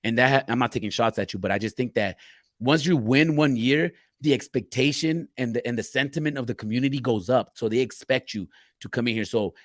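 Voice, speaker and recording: A man co-hosting a loose live-stream chat at a middle pitch, with dry, close sound. He speaks bluntly and swears casually, reading out viewer questions and riffing on them. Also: fairly quick, no echo. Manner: loose, profane, reads chat questions aloud. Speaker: podcast co-host.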